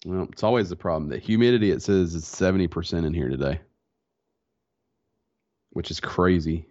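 This man's voice sits low with a darkish tone, moving at a moderate pace through a relaxed, slang-filled casual chat as a podcast co-host. He sounds a bit stuffy and congested. The dull, lo-fi audio was captured in a small home office in a converted barn.

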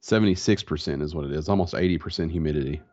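A bass-voiced man talks very fast, a little mellow in tone, while co-hosting a podcast in a casual, slangy, laid-back way. His nose sounds stuffy, giving his voice a slight congestion. Recorded in a small home office in a converted barn, the sound is dull and lo-fi.

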